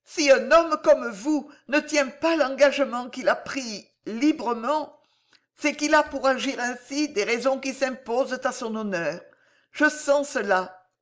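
A woman's voice: high voice, pitched above the performer's own voice. A woman reading an audiobook, voicing a passionate young noblewoman in a heightened, tremulous way.

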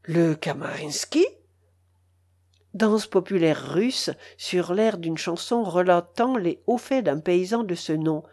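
A woman narrating a classic novel as an audiobook in a measured, expressive reading. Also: fairly low pitch.

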